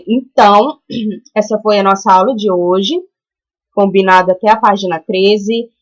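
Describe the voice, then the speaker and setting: A Brazilian woman teaching a primary school class in a recorded lesson, walking through each exercise patiently and stretching out example words slowly. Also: mid-range voice, rough recording. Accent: Brazilian Portuguese. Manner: patient, explains step by step and checks in with "tá?".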